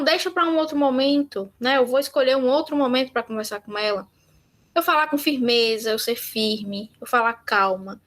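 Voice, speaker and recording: Brazilian woman instructor, high and bright, chatty teaching that slips into little acted dialogues. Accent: Brazilian Portuguese. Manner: conversational, acts out sample dialogues. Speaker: workshop instructor. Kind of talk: online workshop talk.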